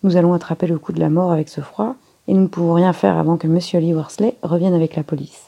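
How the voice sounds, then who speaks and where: Woman doing poirot, calm polite old detective, low mellow husky voice, storybook. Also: quick pace, highs cut off. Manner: calm, gently authoritative. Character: Poirot, courteous older male detective.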